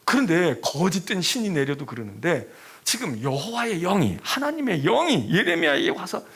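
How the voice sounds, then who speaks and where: A male pastor delivers a lively sermon with a husky, gravelly voice that swings widely in pitch. He is animated and often sinks into hushed whispers for emphasis. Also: moderate pace. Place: church.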